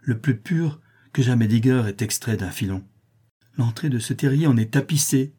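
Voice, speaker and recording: A bold, hot-tempered young adventurer speaks with emphatic exclamations, as a male audiobook reader plays him. His voice is dark and slightly husky. The storybook telling keeps it close to a natural speaking voice. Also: mid-range voice, normal speed, lightly acted.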